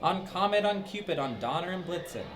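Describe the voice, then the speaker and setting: A man voicing a jolly old Saint Nick, calling out to his reindeer in a raised, shouting voice over a noisy recording. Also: lively intonation, brisk. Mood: exuberant. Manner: shouting calls, raised pitch.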